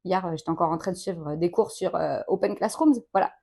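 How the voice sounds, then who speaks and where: Chatty woman in her late thirties, business leader in a quick-fire interview, informal, quick to laugh. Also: on the low side, vocal fry, a little mellow, breathy edge. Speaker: company director interviewed.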